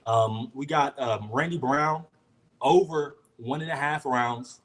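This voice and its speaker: A man's voice: medium pitch, takes it slowly. A man calling in to a betting show, slangy, confident and jokey. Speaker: caller. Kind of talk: casual chat.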